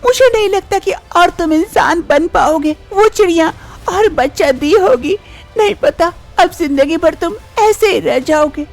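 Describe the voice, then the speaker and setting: Woman voicing a very high-pitched devoted cartoon wife. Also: lively intonation, a little slow, exaggerated voice. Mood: caring. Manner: earnest, reassuring. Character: devoted young wife, anxious and caring.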